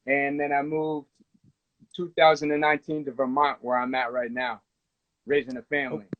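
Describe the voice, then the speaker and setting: A man in his late thirties from the United States, a musician talking through his life story in a relaxed, rambling way, on a phone during a live video call. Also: mid-range voice, normal speed. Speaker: guest musician. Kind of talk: casual interview chat. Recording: tinny phone-line audio, dry.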